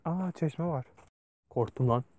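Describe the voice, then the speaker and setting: A man's voice: on the high side, takes it slowly, darkish tone. A man vlogging outdoors while walking through a forest alone, nervous and joking, talking to himself and to viewers. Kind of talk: casual vlog while hiking alone.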